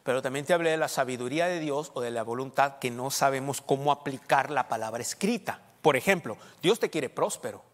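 Pastor preaching in a reverberant church. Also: male voice, mid-range voice, brisk, hardly any pauses. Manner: emphatic, swings between loud and soft, checks in with the congregation. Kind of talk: sermon.

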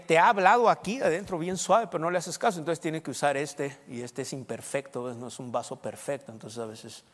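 A man preaching a sermon as pastor, emphatic, swinging between loud and soft and checking in with the congregation. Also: medium pitch. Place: church. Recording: long church reverb.

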